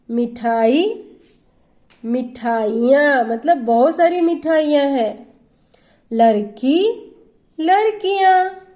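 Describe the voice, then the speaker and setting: Slow, high-voiced woman teaching children. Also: dark tone. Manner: slow, patient explaining with questions to children. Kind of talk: classroom grammar lesson.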